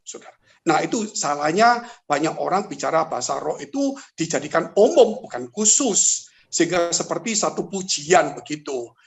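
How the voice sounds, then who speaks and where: A man's voice: high-pitched, gravelly. A man, a pastor, teaching in a church talk show, speaking to his listeners directly with rhetorical questions and acting out the stories he tells. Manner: animated, rhetorical questions, addresses listeners as brothers and sisters; storytelling with vivid acted-out exclamations.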